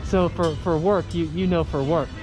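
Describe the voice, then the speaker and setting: High-pitched man hosting casually. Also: steady tone, moderate pace, music in the background. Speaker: host interviewing passers-by. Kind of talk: casual vlog talk.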